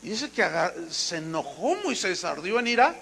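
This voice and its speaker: A male pastor with a Mexican accent preaching a sermon, telling stories in a lively way and acting out voices. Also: high-pitched, normal speed, vocal fry, slightly rough, poor audio.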